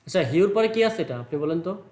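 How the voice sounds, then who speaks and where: A man teaching a computer class, patient and reassuring, repeating words slowly for a student. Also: high voice, expressive, darkish tone, roomy sound.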